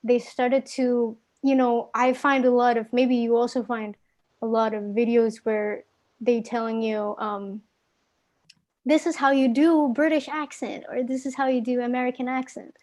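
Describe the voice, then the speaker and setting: Guest tutor in a live online English class, a young woman from Indonesia shares casual speaking tips in an Indonesian accent. Her delivery is flat and unhurried, her voice on the high side with a darkish tone. She's casual and filler-heavy, often restarting and correcting herself.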